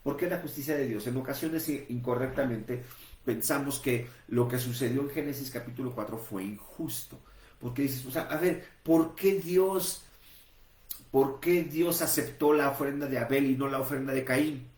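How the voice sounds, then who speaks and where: A man preaching a sermon at a middle pitch, working through numbered points and rhetorical questions with frequent restarts. The room is echoey. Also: normal speed, darkish tone. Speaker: pastor.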